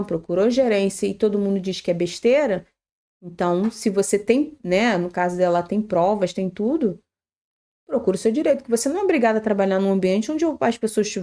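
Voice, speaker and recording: Speaking in a mellow, mid-range voice, this panelist on a live workplace-safety stream responds to a question with sincere, practical guidance. She keeps adding "tá?" and "né?" tags and revises her wording as she goes.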